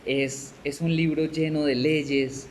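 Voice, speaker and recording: Speaking in a slightly high voice with little pitch movement, this man talks slowly over a faint hiss or hum. He leads a discipleship class in a Colombian Spanish accent, keeping it conversational, checking in with "¿cierto?" and "¿sí?", laughing at times, and acting out small scenes.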